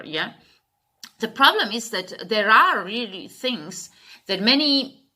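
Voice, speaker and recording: This English teacher, a woman whose native language is Slovak, speaks to camera informally with a Slovak accent, a medium pitch, and a sharp tone, stopping and starting over as she hunts for the right words.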